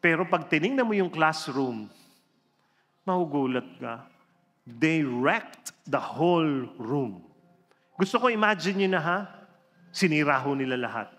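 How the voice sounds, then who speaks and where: Animated man telling a story. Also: measured pace, pauses often. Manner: animated, theatrical storytelling with big swings in pitch and loudness. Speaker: religion teacher telling a story to an audience. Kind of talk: inspirational storytelling talk. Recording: reverberant hall with faint background music.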